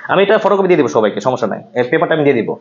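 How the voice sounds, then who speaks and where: A man from Bangladesh teaching pronunciation in a classroom, drilling sounds aloud with repetition and quick quiz questions. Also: mid-range voice, sing-song, a little mellow. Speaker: pronunciation instructor. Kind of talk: classroom lesson. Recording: slightly muffled classroom recording.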